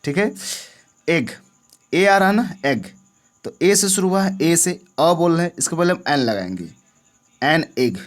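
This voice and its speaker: A man with a fairly high, animated voice teaches English grammar at a measured pace, leaving long pauses. Throughout the classroom-style lesson, he asks the viewer questions and checks their understanding.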